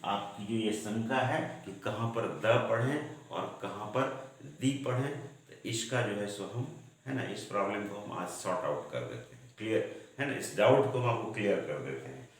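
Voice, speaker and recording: A man teaching a grammar lesson, slow and patient, often checking in with the class. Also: lowish voice, expressive. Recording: very echoey room.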